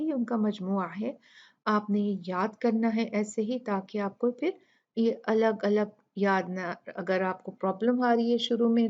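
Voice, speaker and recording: A woman teaches tajweed in a slow, unhurried way, drawing out each example. She explains patiently, step by step. The sound is a little dull and lo-fi. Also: mid-range voice. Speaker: Quran recitation teacher. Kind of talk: tajweed tutorial with recited examples.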